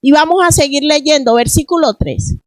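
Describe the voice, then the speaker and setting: A woman's voice: high voice, normal speed, rough recording. A middle-aged woman pastor preaching a sermon in church, asking the congregation question after question. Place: church in Spain.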